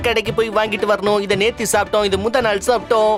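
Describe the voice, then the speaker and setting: A man's voice: high-pitched, little pitch movement, very fast, natural voice. An actor dubbing a witty court advisor who is exasperated by his family, in a whining, exasperated manner. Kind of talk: Tamil TV dub acting. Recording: background score music.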